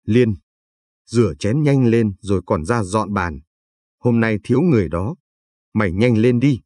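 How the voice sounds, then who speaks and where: A harsh, scornful woman who owns a restaurant and barks orders at her worker, read by a man in a husky voice. The sound is dry and close. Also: fairly low pitch, animated, measured pace, darkish tone, dry recording. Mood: bossy.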